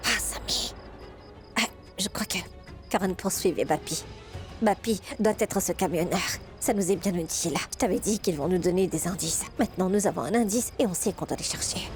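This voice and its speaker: A woman's voice: on the low side, moderate pace, soft background music, lightly acted. An actress dubbing an eager, inquisitive young woman searching for clues in a French series. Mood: pleased. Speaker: dubbed character.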